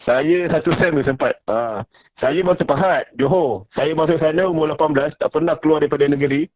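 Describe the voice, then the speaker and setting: A man in his mid-thirties hosting a live-stream interview. He talks in a relaxed, chatty way, with frequent fillers and laughs. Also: on the high side, brisk, dry recording, phone-quality sound. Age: 30s. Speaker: host.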